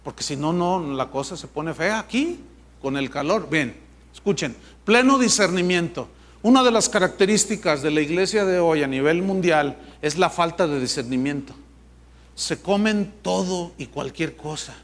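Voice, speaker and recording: A man's voice: on the high side, expressive, moderate pace. A man preaching a sermon to a live congregation, emphatic and conversational with a mocking edge. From Mexico. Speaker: pastor.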